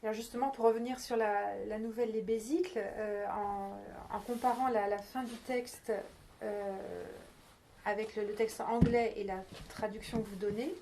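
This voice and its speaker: A woman's voice: a little high, fairly even intonation, moderate pace, mellow, slight background noise. A woman hosting a bookshop conversation, searching for words and trailing off mid-sentence. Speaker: bookseller host.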